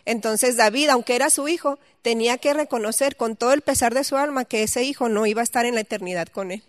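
A woman's voice: fairly high pitch, fast talker, no echo, studio quality. A woman teaching a Bible study, reading scripture aloud and then explaining it conversationally with questions to her listeners.

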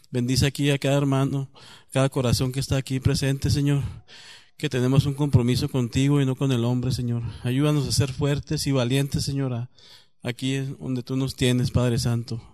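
Guy from the congregation praying out loud, flat steady voice, dry close sound. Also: medium pitch, moderate pace, dry recording. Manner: steady, repeating "Señor" between phrases. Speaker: congregation member. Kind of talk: spoken prayer.

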